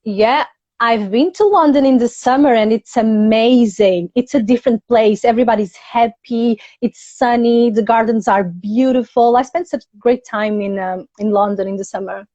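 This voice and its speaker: A bubbly woman from Portugal with a high, bright-sounding voice, chatting on a live stream as a healing-coach guest. The audio is a bit muffled and lo-fi, as from a video call at home. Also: normal speed, no echo. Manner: bubbly, laughs often. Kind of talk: casual live-stream chat.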